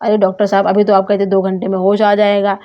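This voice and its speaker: A woman's voice: mid-range voice, monotone, quick pace, natural voice. A woman voicing a worried grown man who pleads with a doctor and grumbles about her fee, in a doll story. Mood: anxious. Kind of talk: doll story role-play. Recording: dull lo-fi sound.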